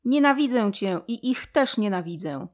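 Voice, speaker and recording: A woman voicing a young female mouse who shouts and sobs in a storybook reading. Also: medium pitch, big pitch swings, moderate pace. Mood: sobbing, furious. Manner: tearful, shouting. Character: young female pink mouse, upset and confused.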